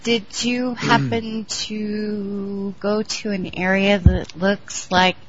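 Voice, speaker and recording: A woman's voice: mid-range voice, little pitch movement, takes it slowly, a little hiss or hum. A woman co-hosting a podcast in casual, friendly chat. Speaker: podcast co-host. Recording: dull lo-fi podcast audio.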